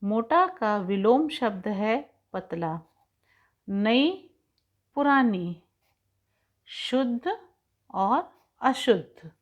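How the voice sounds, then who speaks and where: A woman teaching young children in an online class lesson, explaining each point slowly and patiently. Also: a little high, big pitch swings, dull audio. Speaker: school teacher.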